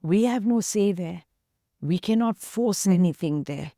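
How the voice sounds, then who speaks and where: A woman's voice: lowish voice, animated, measured pace, mellow, no room sound, studio quality. A woman with an Indian English accent, an activist guest earnestly retelling a story in an interview and voicing its dialogue.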